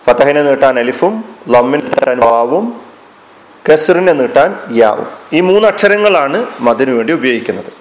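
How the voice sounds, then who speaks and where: A man's voice: mid-range voice, lively intonation, moderate pace, low-quality recording. A man teaching a Quran recitation class, explaining terms patiently and repeating them. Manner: fillers, restarts and hesitations. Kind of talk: classroom lesson.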